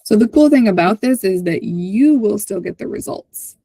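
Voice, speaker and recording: Hosting a community call over online video with screen sharing, a woman gives an informal, conversational walkthrough, often checking in with listeners and ending points with "right?". Her mid-range voice is animated, creaky, and warm at a moderate pace, with no room sound.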